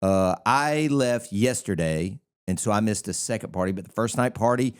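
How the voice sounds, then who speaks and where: A man co-hosting a casual podcast chat, telling animated, rambling stories with many restarts. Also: fairly low pitch, moderate pace, clean tone. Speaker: podcast co-host, DJ.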